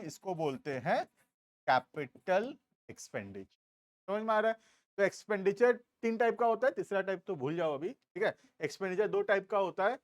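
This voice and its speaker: A man with an Indian accent teaching a commerce class, explaining slowly and stopping to check that students follow. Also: sits high, no room sound, clean studio sound. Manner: explains slowly, asks checking questions, drawls key terms. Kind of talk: classroom lecture.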